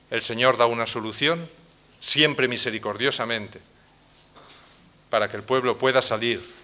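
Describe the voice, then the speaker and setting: A male pastor with a Spain Spanish accent preaches with theatrical force, dropping to near hush and then rising to loud, pressing outbursts. His voice sits a little high and rings bright and forceful. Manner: dramatic, swings between hushed and loud. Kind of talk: sermon.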